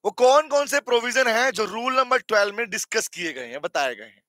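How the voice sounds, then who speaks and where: A man with a strikingly high, bright voice teaches a live online accounting class, hoarse from talking. He quizzes his students, teases them and keeps the lesson animated. The sound is close and dry. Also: a little fast, no room sound.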